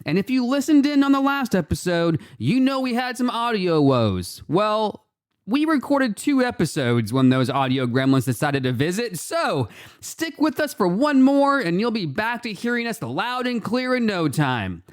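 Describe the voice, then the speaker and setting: A man's voice: sits high, sing-song, moderate pace, no room sound. A man hosting a board game podcast, reading intros and riddles in a playful, theatrical way. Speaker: podcast host.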